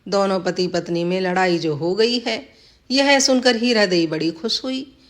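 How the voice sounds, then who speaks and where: A woman's voice: medium pitch, a little slow. A woman narrating a village folk tale in a plain storybook reading, lightly voicing the villagers' lines.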